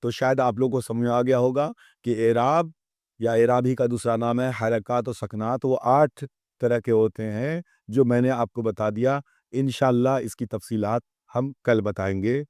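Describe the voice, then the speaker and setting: A male teacher giving a grammar lesson in a patient, measured way. He drops his pace to spell out letters one by one and repeats words for his students. The sound is dry and close, with no room around it. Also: medium pitch, fairly even intonation, a little mellow, no echo.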